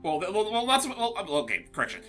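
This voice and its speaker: A man's voice: high voice, huge pitch swings, fast talker, pushed and bright, faint music behind. A man commentating casually on a co-op game, with playful announcer-like flourishes. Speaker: gaming video commentator.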